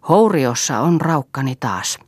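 A woman reading aloud voices a caring older farm mistress who speaks gently. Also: extremely low pitch, big pitch swings, slightly rough, dry recording, studio quality, full character voice. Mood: tender.

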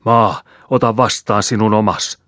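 A man reading the part of a frightened village priest, intoning solemnly and then shouting at a grave. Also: rumbling low, flat delivery, clear, resonant tone, no room sound, clean studio sound. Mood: solemn, alarmed.

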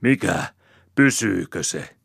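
A man putting on a gruff, grumpy old peasant. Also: low-pitched, animated, no echo, studio quality, voice pushed up, exaggerated voice. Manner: gruff blustering. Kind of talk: audiobook character voice.

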